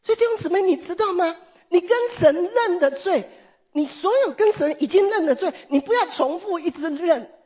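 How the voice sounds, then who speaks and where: Woman preacher, sermon, high breathy voice, animated storyteller, dull lo-fi recording. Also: moderate pace. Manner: animated storytelling with wide pitch swings.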